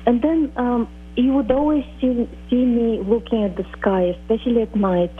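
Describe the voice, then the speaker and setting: A middle-aged woman speaks as an interview guest, her voice husky and breathy. She tells her story in an earnest, measured way that sometimes halts. The sound is thin and narrow, like a phone call. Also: fairly high pitch, fairly even intonation. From Bulgaria. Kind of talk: reflective personal storytelling.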